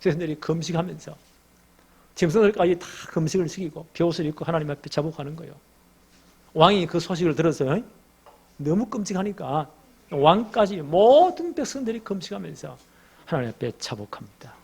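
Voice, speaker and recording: A middle-aged male pastor delivering a sermon with lively storytelling and questions to the congregation. His voice is gravelly and husky, pitched somewhat high for a man. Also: fairly quick. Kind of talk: expository sermon.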